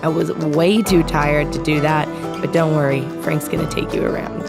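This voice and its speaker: Casual vlog voiceover, woman w a pretty low voice, loud music under it. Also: steady tone, normal speed, creaky. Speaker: travel vlog host. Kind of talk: casual voice-over narration.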